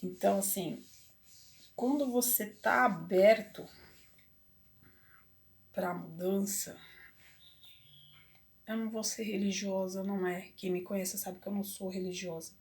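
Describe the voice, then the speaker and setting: Emotional halting woman. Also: mid-range voice, steady tone, slight background noise. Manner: emotional, halting, many restarts. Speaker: vlogger. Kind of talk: personal confessional talk.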